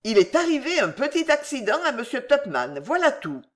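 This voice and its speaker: A reader voicing a brusque, bossy older country gentleman who talks bluntly, in a storybook reading. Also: very high voice, wildly swooping pitch, moderate pace, pitched above the performer's own voice, heavily acted. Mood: calling out. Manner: blunt, calling out.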